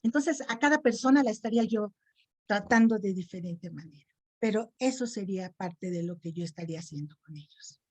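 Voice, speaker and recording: A middle-aged Mexican woman gives an online lecture and Q&A on self-esteem, speaking at medium pitch and a little quickly. She explains things patiently and in a teaching manner, often checking in with her listeners by asking "¿sí?".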